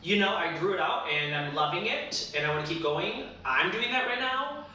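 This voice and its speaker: A man working as a hairstylist, giving casual advice in an expressive, encouraging way, speaking straight to the listener. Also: high-pitched, normal speed. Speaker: hairstylist and show panelist. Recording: very echoey room, distant mic, faint noise.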